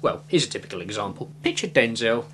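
A man's voice: medium pitch, sing-song, fast, fairly bright tone, a little hiss or hum. A young man reviewing a film to camera in a small room, talking casually with lots of fillers and hedges. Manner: rambling, hedging with fillers, gesturing. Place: small room with shelves of films, indoors. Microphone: webcam at desk.

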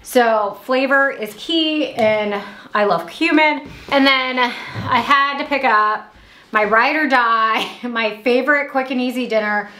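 A woman in her thirties from Indiana, chatting upbeat at home through a grocery haul vlog, with quick asides. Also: a little high, pushed and bright, echoey room. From Indiana, USA. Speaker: vlogger. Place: small room at home.

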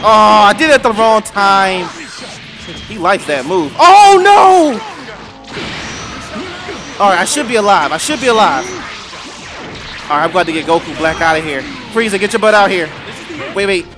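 A man hosting a gaming channel, giving excitable live gameplay commentary as he talks to the screen, with frequent outbursts and shouts. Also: a little high, fast. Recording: game music playing behind.

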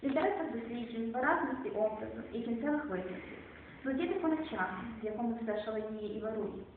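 A woman's voice: fairly high pitch, animated, slight background noise. Woman reciting poems in an echoey hall. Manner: slow, measured poetic recitation with quiet endings. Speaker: poet reading at a club evening. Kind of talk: poetry reading. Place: club or small hall. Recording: distant, echoey phone-quality room recording.

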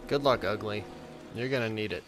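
A man's voice: on the low side, a little fast, over music, low-quality recording. A man giving joking, sarcastic commentary while playing through a video game. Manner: sarcastic, mocking.

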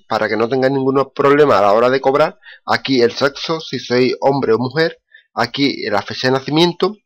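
A man's voice: medium pitch, fairly bright tone. Guy doing a screen tutorial voiceover, lots of eh's, keeps saying it's really important. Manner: repetitive, many "eh" fillers, stresses "muy importante". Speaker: blogger explaining paid survey sign-up. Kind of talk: screen-recorded tutorial walkthrough.

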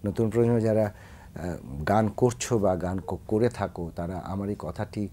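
A man's voice: on the low side, a little slow, mellow, slight background noise. A man, a singer who is a guest on a Bangladeshi TV talk show, speaking earnestly about correct pronunciation, with a Bangladeshi Bengali accent. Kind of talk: studio interview.

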